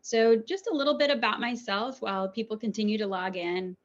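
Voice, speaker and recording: A woman's voice: a little high, brisk. Woman doctor giving a webinar talk. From New Zealand. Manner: warm, conversational, frequent ums. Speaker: urologist. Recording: dull lo-fi webinar audio.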